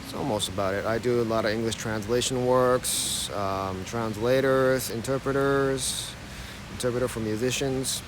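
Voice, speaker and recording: A man in his thirties from Ohio, with an American accent, guides a live-streamed walking tour along an old city street, filming on a phone camera as he walks. His mid-range voice holds a steady tone at a moderate pace, and his casual, chatty delivery is packed with fillers. Background noise runs beneath him.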